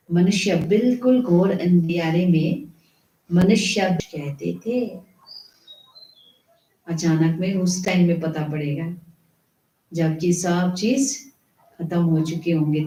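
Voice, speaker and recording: A woman gives a devotional sermon at an unhurried, measured pace, stopping to ask and answer her own questions. Her voice is low and mellow. The room around her is echoey. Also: slight background noise. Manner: slow, explanatory preaching with rhetorical questions. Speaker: spiritual teacher. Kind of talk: devotional murli reading with commentary.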